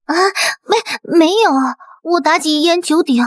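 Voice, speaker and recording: A woman voicing a flirtatious nine-tailed fox spirit in an animated comic, pleading and stammering. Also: very high-pitched, normal speed, no room sound. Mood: flustered pleading.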